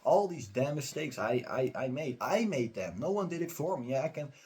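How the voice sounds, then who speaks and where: A man's voice: mid-range voice, big pitch swings, moderate pace, a little mellow, husky. A man who runs a spiritual teaching channel, talking straight to his viewers in a casual, emphatic, repetitive way. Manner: emphatic, repetitive, urging the listener. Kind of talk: casual spiritual pep talk.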